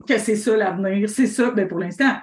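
A woman with a Québécois accent, a business coach hosting a call-in show, talking in an animated, rambling way full of restarts. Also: medium pitch, moderate pace, reverberant. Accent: Québécois French. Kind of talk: casual call-in coaching talk.

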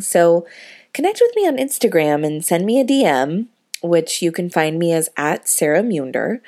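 A woman's voice: lowish voice, a little mellow. A heavily pregnant young adult woman speaking as a podcast host, earnest and encouraging, addressing listeners as friends. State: heavily pregnant, thirty-nine weeks. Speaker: podcast host and life coach. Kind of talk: motivational podcast monologue.

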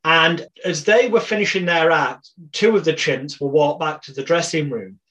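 British man, 40s, interview guest, chatty anecdotal storyteller, wry humor, slightly high voice. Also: normal speed, fairly bright tone. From Britain. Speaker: podcast guest.

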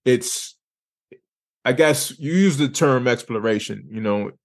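A man's voice: medium pitch, measured pace. Male host from Lawrence, Massachusetts; casual, slangy, easygoing interviewer. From Lawrence, Massachusetts, USA. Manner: relaxed, conversational, slangy.

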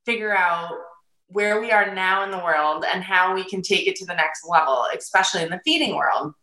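A woman chatting casually as a podcast guest, expressive and voicing her own thoughts, with a roomy echo. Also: fairly low pitch, a little fast. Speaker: podcast guest, feeding therapy business owner. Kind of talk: casual interview chat. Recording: echoey, roomy sound.

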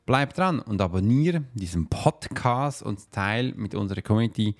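Guy doing a solo podcast, lowish voice, chatty coach talking right to you. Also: animated, moderate pace. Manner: informal, chatty and encouraging, addressing one listener familiarly. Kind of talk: casual solo podcast talk addressed directly to the listener.

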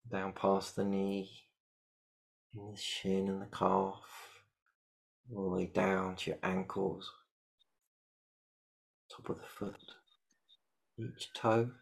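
Man, meditation guide, deep flat voice, calm repetitive instructions. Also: slow, gravelly, pauses often. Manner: calm, repetitive step-by-step instructions, often murmuring "beautiful".

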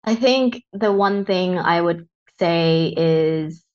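A woman's voice: lowish voice, takes it slowly, darkish tone. Earnest woman guest on muffled audio. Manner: earnest, reflective. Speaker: guest, coach. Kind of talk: reflective interview talk.

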